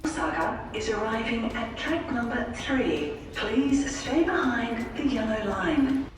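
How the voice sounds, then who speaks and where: A woman making a slow, measured train platform announcement over a station loudspeaker. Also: on the high side, animated, over music. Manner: slow, measured, lilting delivery. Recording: echoey loudspeaker heard from far off.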